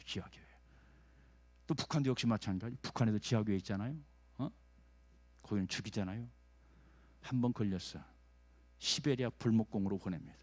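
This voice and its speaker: Husky and on the low side, this pastor's voice carries a folksy sermon. He keeps checking in with the congregation, moving from loud exhortation to quiet, hushed lines.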